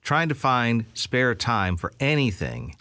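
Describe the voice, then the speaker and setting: A man's voice: medium pitch, very animated, slow, pushed and bright, smooth, dry recording. A man hosting a casual conversation, talking in an easygoing, hesitant way with fillers.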